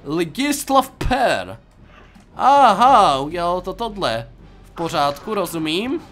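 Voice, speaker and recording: A man's voice: sits high, sing-song, a bit bright, soft background music. A young Czech man giving playful, jokey commentary while playing a game, talking to himself and to his viewers. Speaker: gaming YouTuber. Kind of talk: casual gameplay commentary.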